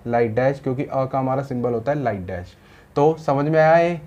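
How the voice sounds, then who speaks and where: A man's voice: medium pitch, moderate pace, darkish tone, muffled recording. A man teaching a shorthand lesson in mixed with English terms. He explains step by step and often checks that the students understood. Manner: explains patiently, often asks "samajh aaya?".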